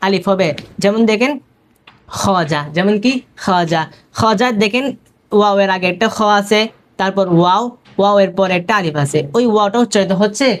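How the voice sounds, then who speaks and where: A woman's voice: mid-range voice, a little fast. A woman teaching a beginners' language class, explaining letter rules step by step and repeating each example word several times.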